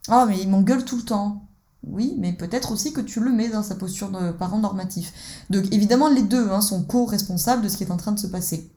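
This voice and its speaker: A woman gives explanatory teaching talk as a relationship conflict coach, speaking conversationally, addressing the listener directly, and acting out dialogues. Her voice is medium-pitched, brisk, and warm.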